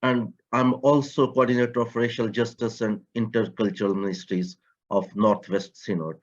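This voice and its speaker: A man from Pakistan, giving a prepared talk on a video call about a community project, in measured, slightly English. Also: lowish voice, little pitch movement. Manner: measured, slightly non-native grammar. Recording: muffled online call audio.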